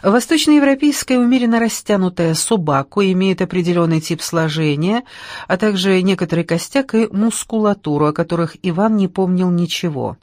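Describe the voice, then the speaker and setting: A woman narrating a literary audiobook in a measured, even manner. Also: fairly low pitch, no echo, studio quality.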